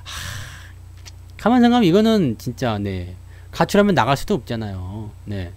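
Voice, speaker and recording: Lively, chatty stock commentator man. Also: mid-range voice, moderate pace, no echo. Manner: chatty storyteller who laughs often. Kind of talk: casual talk to viewers.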